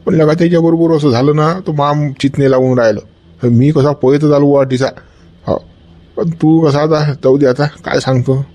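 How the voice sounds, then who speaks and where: A man's voice: a little high, steady tone, moderate pace, warm tone, close to an everyday voice. A man playing a worried, talkative village uncle in a comedy sketch, speaking. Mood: chatty. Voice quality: rustic, coaxing, talkative. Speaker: village elder visiting hospital.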